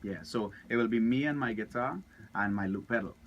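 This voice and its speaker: A young man with a Trinidadian accent talks easily in a radio studio, his voice fairly low. He sounds upbeat and relaxed, chatting like a musician on tour. A faint hiss sits under the voice. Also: brisk, highs cut off. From Trinidad and Tobago. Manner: upbeat, laughs often, acts out other people's lines. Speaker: musician guest. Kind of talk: casual radio interview chat.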